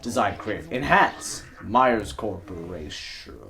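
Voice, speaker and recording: A man's voice: on the low side, animated, takes it slowly, sharp tone, heavily acted. A man voicing a cheerful corporate intercom announcement that stutters and repeats words like a glitch. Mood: chipper.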